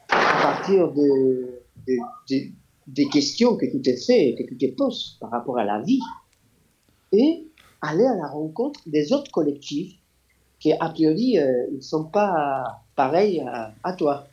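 A high-leaning, darkish male voice, very animated, belongs to an Argentine interview guest who started a radio project. His answers come out haltingly, full of fillers as he searches for words, and the recording is lo-fi and dull.

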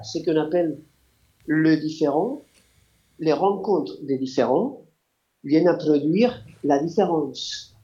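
The guest here, a man from Argentina who founded a radio project, answers interview questions in a dark voice on the high side. He keeps pausing to find words and fills the space with many fillers; the sound is dull and lo-fi.

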